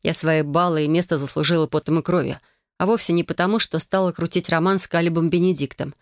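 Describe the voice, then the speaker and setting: A woman narrating a first-person audiobook in a lively, wry manner. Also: low voice, fast, no room sound, studio quality.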